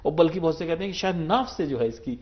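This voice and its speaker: A man's voice: fairly high pitch, lively intonation, dull audio, a loud crowd. A man hosting a religious TV program, speaking politely and formally with frequent short affirmations. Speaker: TV program host.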